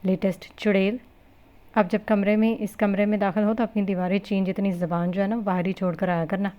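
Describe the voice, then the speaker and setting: A woman's voice: mid-range voice, little pitch movement, dark tone, lo-fi sound, close to an everyday voice. A woman voicing a blunt young husband who talks in a cold, scolding way, in a novel reading. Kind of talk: novel reading with character voices.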